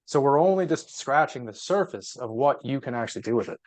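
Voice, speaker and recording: A man's voice: mid-range voice, expressive, brisk, a little mellow. A man co-hosting a webinar in casual, matter-of-fact explanatory talk. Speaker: webinar co-host.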